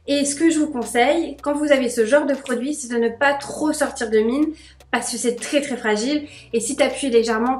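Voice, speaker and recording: A woman's voice: high voice, roomy sound. Bubbly, chatty young woman vlogger. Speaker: beauty vlogger. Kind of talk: casual chat to camera.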